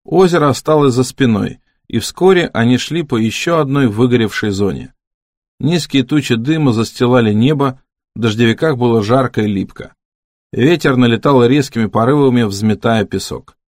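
A man reading an audiobook in a measured, steady narrating voice. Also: mid-range voice, dry recording, studio quality. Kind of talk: scripted narration.

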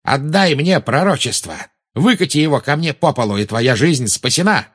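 A man voicing a frantic, fanatical female witch with a shrill, shrieking voice. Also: animated, moderate pace, a bit bright, slightly rough. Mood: taunting.

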